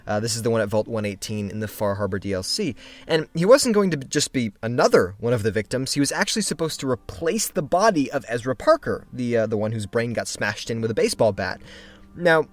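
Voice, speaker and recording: A man's voice: mid-range voice, sing-song, brisk. A man giving casual, playful video game commentary as a video creator, with joking asides.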